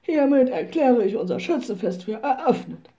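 A woman's voice: fairly high pitch, big pitch swings, moderate pace, warm tone, pitched above the performer's own voice. A woman voicing a stiff, pompous male rifle club captain who gives a formal speech.

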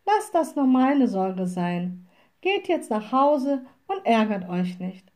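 A sly, playful little old witch from a storybook, as a woman reader puts her on. She speaks high and sweetly teasing, unhurried, with a warm, soft tone. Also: sing-song. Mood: soothing firm.

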